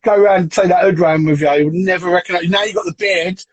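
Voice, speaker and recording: A man's voice: high voice, fairly even intonation, fast, slightly rough, dry recording, poor audio. A man hosting a casual chat, teasing his guest and laughing often. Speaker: host, team manager.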